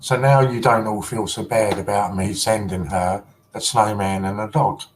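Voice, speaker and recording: A man's voice: lowish voice, steady tone, moderate pace, a little hiss or hum, low-quality recording. A man hosting a casual collector livestream, chatty and teasing, often breaking into giggles.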